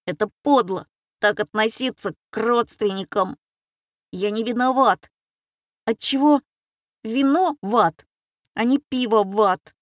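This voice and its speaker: A woman's voice: fairly high pitch, dry recording, studio quality, pitched above the performer's own voice. A woman voicing a cheeky schoolboy who pesters the family with pun questions. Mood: sulky. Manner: insistent, rapid-fire questioning.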